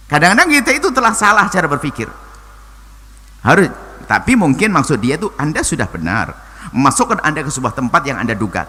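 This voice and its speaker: A man preaching and answering a listener's question, talking in an animated way that swings from low and soft to high exclamations. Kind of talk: sermon. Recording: long hall reverb, faint noise.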